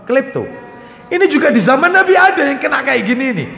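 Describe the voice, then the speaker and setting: Animated high-voiced man preaching in echoey hall. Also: brisk, gravelly. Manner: animated, acts out parents and children in quoted voices. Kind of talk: religious study lecture. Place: mosque hall.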